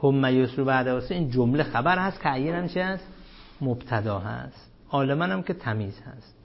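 A man teaching Arabic grammar in a classroom lecture, quizzing his students and chanting Arabic text slowly. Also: medium pitch, animated, vocal fry, slight background noise. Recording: dull lo-fi classroom recording.

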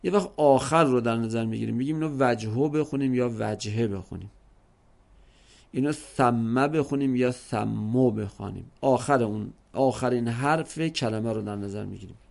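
A middle-aged man teaching an Arabic class, explaining exam question types slowly and repeating each example several ways. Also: medium pitch, vocal fry, a little mellow.

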